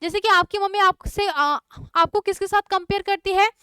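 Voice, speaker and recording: A young woman with an Indian English accent teaches an online exam-prep lesson, chatting, mixing Hindi and English, and quizzing her students. Her very high voice is bright and forceful at a normal speed, captured in clean studio sound with no echo.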